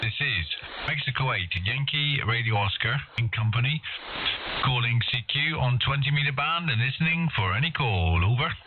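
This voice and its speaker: A man working as an amateur radio operator, calling CQ and repeating his call sign in a measured, repetitive way. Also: mid-range voice, expressive. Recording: narrow tinny band with clear hiss.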